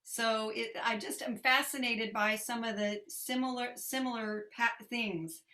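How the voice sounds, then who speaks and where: A woman's voice: a little high, steady tone, a little slow, bright, forceful tone. A woman hosting a conversational interview, attentive and affirming as she responds to her guest. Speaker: interview host.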